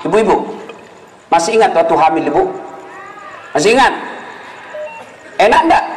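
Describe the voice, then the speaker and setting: A man preaching a humorous sermon, telling stories and acting out characters in lively voices. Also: high-pitched. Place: hall with live audience. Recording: echoey hall with faint noise.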